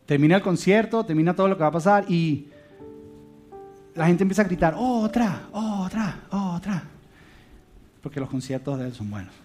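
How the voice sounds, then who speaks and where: A man telling a heartfelt story to a church audience, swinging between loud emphasis and hushed soft lines. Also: fairly high pitch, expressive, fast. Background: soft guitar music.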